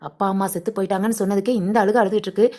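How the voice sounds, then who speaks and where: A woman voicing a fussy, excitable village woman in a cartoon who exclaims and complains. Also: mid-range voice, very fast, close to an everyday voice. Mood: fretful. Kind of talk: cartoon voice acting.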